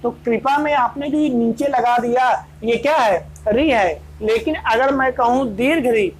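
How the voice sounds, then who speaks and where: A woman's voice: on the high side, a little slow, husky, rough recording. A woman teaching an exam-prep grammar lesson. She speaks, keeps asking her students rhetorical questions and answering them herself, and repeats each point. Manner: addresses students as friends.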